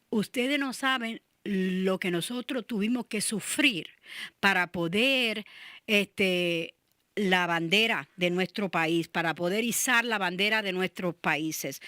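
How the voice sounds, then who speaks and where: A woman's voice: medium pitch, fairly bright tone, no room sound, studio quality. A Puerto Rican woman hosting a radio interview, chatty with frequent fillers and restarts. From Connecticut, USA. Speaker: show host.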